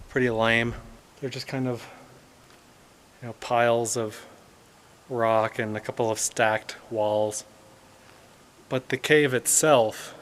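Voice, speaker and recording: A man's voice: mid-range voice, a bit bright. A man vlogging casually inside a huge rock cave, his voice echoing off the walls, with a plain-spoken, offhand manner. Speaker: hiking vlogger. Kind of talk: casual vlog narration.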